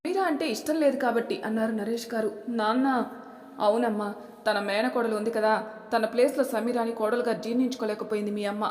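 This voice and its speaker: A woman's voice: on the high side, brisk, darkish tone, close to an everyday voice. A woman voicing a stern older father who lectures his family with rhetorical questions, in an echoey room. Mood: advising. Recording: echoey room, long reverb.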